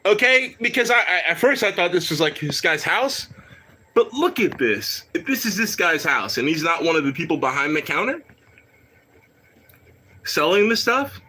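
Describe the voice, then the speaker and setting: A man's voice: high voice, sing-song, moderate pace, bright, forceful tone, slightly rough. A man giving casual, rambling reaction commentary on a live stream, swearing, laughing and talking to his chat.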